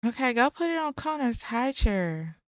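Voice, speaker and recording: A woman's voice: a little high, sing-song, moderate pace, no echo, highs cut off. A young woman giving casual, chatty gameplay commentary to her viewers, with frequent exclamations. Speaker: let's play creator.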